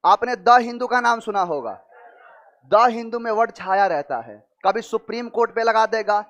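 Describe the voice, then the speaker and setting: A man teaching exam vocabulary with memory tricks, asking rhetorical questions and drawing out key words slowly. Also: high voice, animated, a bit bright, lo-fi sound.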